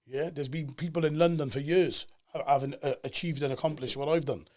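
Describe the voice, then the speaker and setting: A man in his forties from Cardiff, Wales, with a Cardiff Welsh accent and a slightly high voice, appears as a guest on a casual podcast. He tells stories fast and emphatically with animated energy, acting out the voices of people he quotes.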